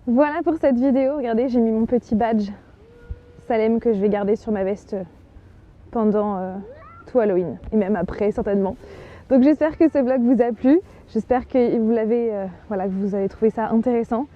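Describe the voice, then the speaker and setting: A woman's voice: a little high, moderate pace, dull audio. A woman narrating a casual travel vlog in a chatty, enthusiastic way, with many fillers. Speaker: travel vlogger.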